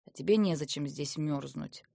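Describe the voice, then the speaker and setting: Woman doing a hurt young guy in a storybook, low-ish voice, curt bossy orders, dry sound. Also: moderate pace, vocal fry, warm tone, no echo, heavily acted. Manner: terse, dismissive commands. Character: wounded proud young man, curt and commanding.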